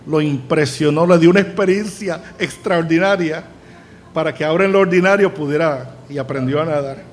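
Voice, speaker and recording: A man preaching a sermon, emphatic and slowing down to stress key points. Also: on the high side.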